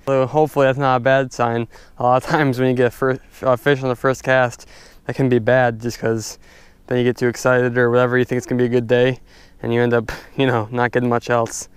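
A young man casually narrating his fishing from a stand-up paddleboard on a lake, chatty and excitable, talking to his viewers. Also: mid-range voice, brisk, clear, resonant tone, no echo. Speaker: fishing vlogger. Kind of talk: casual outdoor commentary. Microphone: head-mounted action camera.

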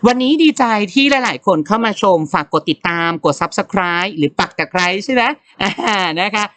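A woman teaching an online lesson to young children in a gentle, coaxing way, reading word lists aloud one at a time. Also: medium pitch, animated, moderate pace, dry recording. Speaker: primary school teacher.

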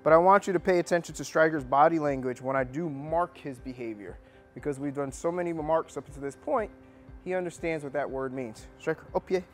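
A man's voice: a little high, fairly quick, soft background music. A man working as a dog trainer, teaching a hands-on training lesson indoors and coaching with upbeat praise.

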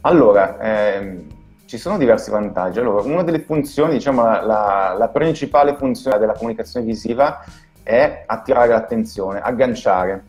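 Italian man, low voice, explaining, halting, video call, faint music. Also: darkish tone. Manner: explanatory, halting, repeats words. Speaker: guest, brand designer. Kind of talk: casual video call interview.

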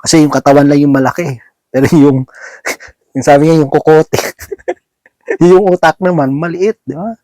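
A man's voice: on the high side, normal speed, long pauses, mellow, dry recording. A man giving a conversational sermon, often asking his listeners tag questions, mixing English words into his Filipino, and chuckling between points. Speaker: lay preacher.

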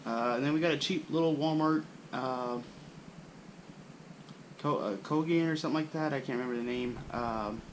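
Sitting indoors in a small room with a wooden floor, a young man from a bushcraft channel shows his camping gear casually, recorded on his camera mic. He talks at medium pitch and normal speed, relaxed and rambling with frequent fillers. The recording is low-quality, with slight background noise.

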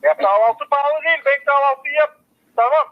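A man on a muffled phone line, arguing in coarse, casual language. His voice is strikingly high and his speech is quick. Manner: over the phone; coarse, swearing, argumentative. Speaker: prank call target. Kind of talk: heated casual phone conversation. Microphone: telephone. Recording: muffled, narrow telephone line.

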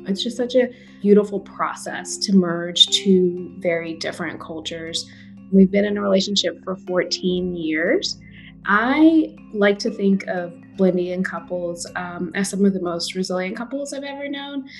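A woman's voice: mid-range voice, a little slow, faint music behind. A woman in her thirties speaking earnestly in an interview, conversational with small restarts, recorded at home on a close webcam. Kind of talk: reflective interview. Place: home room indoors.

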